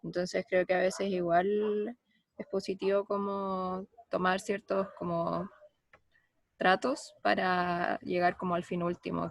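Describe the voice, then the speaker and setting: A young female student offers an informal comment in class. Her voice sits a little low, and the sound is dry, with no room echo. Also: creaky.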